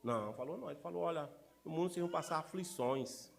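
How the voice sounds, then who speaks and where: Male pastor, middle-aged, high-pitched, lively sermon delivery with constant rhetorical questions. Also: quick pace, creaky. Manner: animated, rhetorical questions to the congregation. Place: church.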